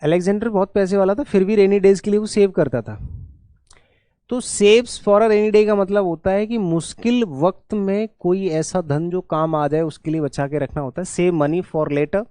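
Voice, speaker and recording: A man's voice: a little high, darkish tone, dry recording. A middle-aged Indian man, an English teacher, explaining exam idioms in an online class and mixing in Hindi with a teasing, scolding manner. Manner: switches between English and Hindi explanations, scolds students jokingly.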